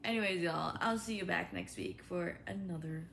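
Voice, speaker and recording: Young woman vlogger with a creaky, lowish voice. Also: moderate pace, fairly bright tone, slight background noise. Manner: informal, frequent "like" as filler. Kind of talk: casual informational vlog.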